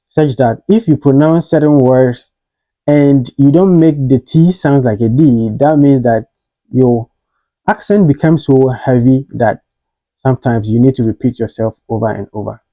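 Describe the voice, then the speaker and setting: Man, pronunciation teacher, casual lesson, mellow tone, dry close recording, explaining step by step. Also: medium pitch, no echo, poor audio. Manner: explanatory, repeats words slowly for practice, frequent ums. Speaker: host.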